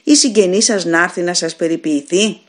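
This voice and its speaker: A woman voicing a calm, kindly male shopkeeper who asks worried questions. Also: fairly low pitch, natural voice. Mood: concerned. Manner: concerned, then astonished questioning.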